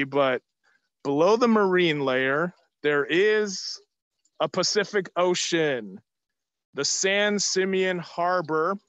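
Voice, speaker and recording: Bright, high-voiced man talking through face mask. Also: no echo, muffled recording. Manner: projecting, upbeat, asking the audience questions. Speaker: tour guide and live video host. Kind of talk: live virtual tour for children. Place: outdoors on an open hilltop terrace. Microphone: phone or camera at arm's length, video call.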